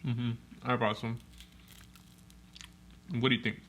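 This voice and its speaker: A man's voice: mid-range voice, flat delivery, slow pace, fairly bright tone, slight background noise. A young man co-hosting a podcast in casual chat, laid-back and slangy, laughing often. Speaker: podcast co-host.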